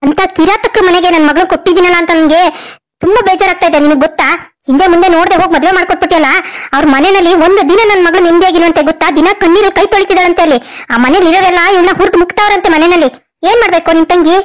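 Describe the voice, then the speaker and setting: A woman's voice: very high voice, steady tone. A woman as a fierce, protective mother. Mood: indignant. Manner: indignant, rapid scolding. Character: older mother, fiercely protective of her daughter. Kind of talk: cartoon voice acting.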